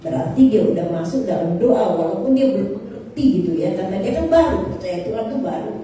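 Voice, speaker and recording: Lady preacher chatting a story to the church, mellow low tone, far off mic. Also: animated, fast, very echoey, a little hiss or hum. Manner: conversational, addresses the congregation directly. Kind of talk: storytelling sermon. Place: church service.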